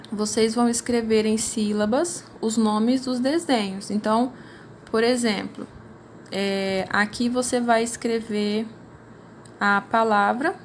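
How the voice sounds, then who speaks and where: A woman's voice: fairly high pitch, a little hiss or hum. A woman with a Brazilian accent, a primary school teacher patiently explaining worksheets in a recorded class, often ending with "né?". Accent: Brazilian Portuguese. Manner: patient, explanatory, frequent "né?" tags.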